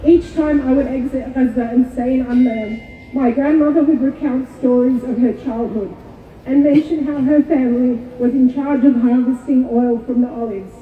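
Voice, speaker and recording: A woman born in Kuwait giving a measured, solemn prepared speech to an outdoor rally. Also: high voice, fairly even intonation, slight background noise. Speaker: rally speaker. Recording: echoey far-off PA with tinny sound.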